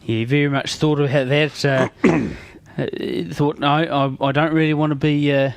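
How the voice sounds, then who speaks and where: A man's voice: a little high, little pitch movement, moderate pace, vocal fry, no echo. A man giving conversational motorsport analysis as co-commentator, hesitantly rephrasing as he goes.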